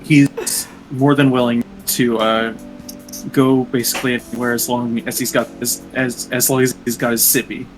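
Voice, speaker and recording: A man at a tabletop role-playing session makes relaxed, dry remarks about his character. His voice has an ordinary middle pitch, and clear music plays behind it. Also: moderate pace, low-quality recording. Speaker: player. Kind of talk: casual tabletop game chat.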